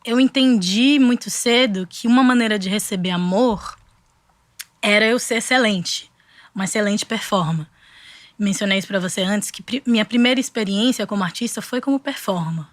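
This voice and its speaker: At a normal speed and in a mid-range voice, this young Bahian-accented Brazilian woman talks reflectively as a guest artist in a casual interview. She restarts often and leans on fillers, and the recording has no room sound.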